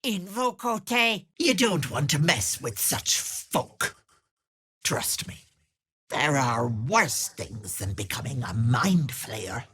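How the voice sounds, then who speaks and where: A heavily acted, bass-deep female voice, a bit bright and slightly rough, voices the video game's wicked old hag masquerading as a sweet auntie. She is very animated and slow, moving between syrupy kindness and sly menace, and the character is older.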